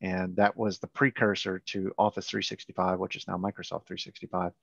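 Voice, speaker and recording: A man co-hosting a casual webinar over a video call, halting and repeating words as he explains. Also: sits low, flat delivery, vocal fry, fairly bright tone, no echo. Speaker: company founder and co-host. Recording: muffled video call audio.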